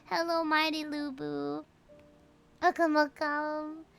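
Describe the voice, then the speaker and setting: A woman from the Philippines, a VTuber game streamer and host, chats casually with her viewers over background music, bubbly and effusive, often repeating greetings and thanks. Her voice sits high with a fairly bright, creaky quality, a level tone and a slow pace.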